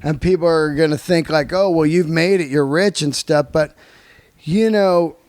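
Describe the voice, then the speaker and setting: Slangy and emphatic, this man, a comedian and musician hosting a laid-back podcast, repeats himself for effect. He speaks at a moderate pace with a fairly high, darkish-toned voice, and there's no room sound.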